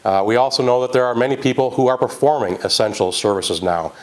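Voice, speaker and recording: A man giving a public health update as a county health official, speaking in a measured, earnest way with some fillers. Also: medium pitch, poor audio.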